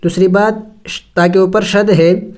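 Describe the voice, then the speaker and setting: Tajweed teacher, smooth clear voice, mid pitch, drills syllables slowly and explains rules quickly. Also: fairly even intonation, a little mellow. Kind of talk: step-by-step recitation lesson.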